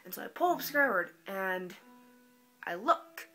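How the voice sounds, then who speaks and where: A woman's voice: medium pitch, big pitch swings, measured pace, bright, forceful tone, faint music behind. A teenage girl in her late teens telling a story to camera in a casual, dramatic, self-mocking way, acting out her own panicked quotes. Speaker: high school student vlogger.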